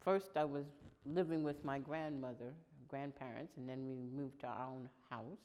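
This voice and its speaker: A woman in her sixties from Long Island, New York, giving plain, unhurried answers in an oral history interview that trail off quietly. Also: rumbling low, fairly even intonation. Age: 60s. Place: indoor room in downtown New York.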